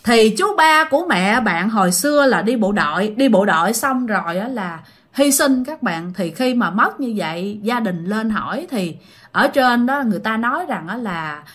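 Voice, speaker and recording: A woman narrates a ghost story in a casual, chatty way, turning often to address her listeners. Her voice is high and bright, with lively rises and falls.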